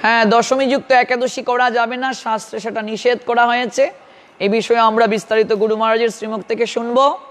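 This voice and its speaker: A man with a Bengali accent preaches an earnest devotional sermon in a very high, fairly bright voice, speaking fairly quickly with fairly even intonation. He instructs his listeners directly. Each phrase trails off in long reverb, as if in a large hall.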